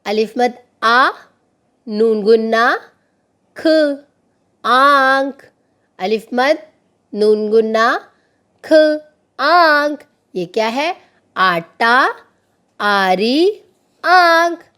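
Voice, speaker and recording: A woman teacher giving a children's reading lesson. She sounds out letters slowly, draws out the vowels and calls on the class to repeat after her. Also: a little high, fairly bright tone.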